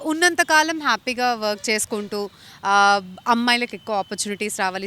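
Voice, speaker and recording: A woman's voice: a little high, pushed and bright, clear, resonant tone. A young woman from India answering interview questions earnestly and mixing English phrases into her speech. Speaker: actress interviewee.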